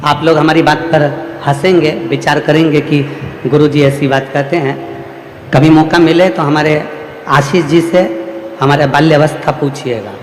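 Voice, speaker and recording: High-voiced preacher man, echoey hall. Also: steady tone, normal speed, a little hiss or hum. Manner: repetitive, rhythmic, emphatic preaching. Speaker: preacher telling a religious discourse. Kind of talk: devotional sermon to a large gathering. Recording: echoey hall with long reverb.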